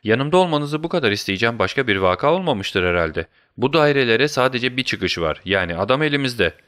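A man doing an excitable, proud police inspector. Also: mid-range voice, fairly quick, voice pushed up. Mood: eager. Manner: excited and boastful.

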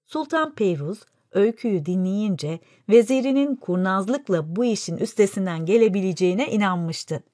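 A woman narrating a folk fable in a clear, even storytelling delivery. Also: mid-range voice, moderate pace, hardly any pauses, no echo, studio quality. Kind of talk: scripted fairy-tale narration.

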